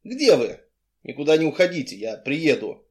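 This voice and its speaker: A male reader playing a calm, brisk professional bodyguard. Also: a little high.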